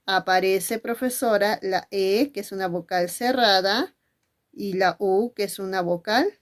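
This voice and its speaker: A woman's voice: mid-range voice, measured pace. A woman teacher giving a spelling lesson. She asks questions and then answers them herself, and she speaks fondly to her pupils.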